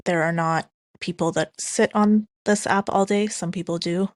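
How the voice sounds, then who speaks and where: A woman's voice: fairly low pitch, fairly even intonation, moderate pace, no echo. A woman from Iran speaking in an online audio chat room, earnest and casual, with frequent ums and restarts. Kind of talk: casual spoken remarks.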